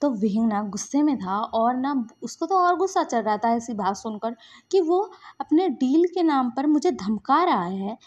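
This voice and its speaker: A woman retells a fan story in a casual, chatty voice. Her voice sits fairly high, and she uses many fillers. The recording is dull and lo-fi. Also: lively intonation, moderate pace, darkish tone. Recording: dull lo-fi sound.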